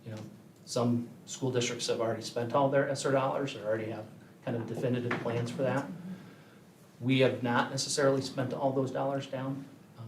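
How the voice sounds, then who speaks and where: A man gives a measured meeting report to a school board, with frequent filler pauses. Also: mid-range voice, background noise. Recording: echoey meeting room, voice from far off.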